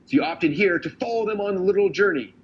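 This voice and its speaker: A man giving a recorded training talk in a fast, casual, enthusiastic way, full of "okay" and "like". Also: sits high, expressive. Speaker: business trainer. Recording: dull lo-fi audio, faint noise.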